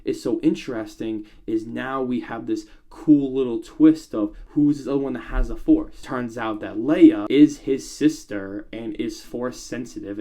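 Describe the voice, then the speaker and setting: A man in his thirties giving a chatty, animated film review, with bursts of enthusiasm and frequent fillers. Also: mid-range voice.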